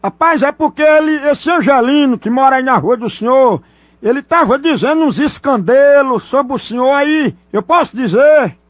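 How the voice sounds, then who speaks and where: A very high, squeaky male caller, as a man puts him on, who stammers and hedges, drawing out his gossip in a teasing prank phone call. The voice sounds dry and close. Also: lively intonation, normal speed, dry recording. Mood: hesitant.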